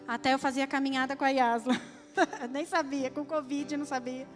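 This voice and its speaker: A woman's voice: sits high, steady tone, moderate pace, soft background music. A young adult woman from Brazil giving an emotional testimony at church, speaking straight to the congregation. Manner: emotional, addresses the audience directly. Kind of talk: testimony sermon.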